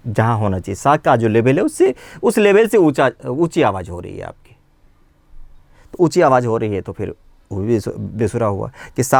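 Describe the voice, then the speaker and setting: Animated male Indian vocal teacher. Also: mid-range voice, no room sound. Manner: explains patiently, often asks if students follow. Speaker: music teacher. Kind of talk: vocal lesson.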